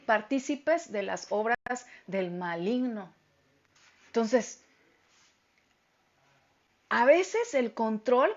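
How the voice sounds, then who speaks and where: A middle-aged woman teaching a Bible lesson to a women's group, speaking loudly and emphatically. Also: fairly high pitch, highs cut off. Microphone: phone.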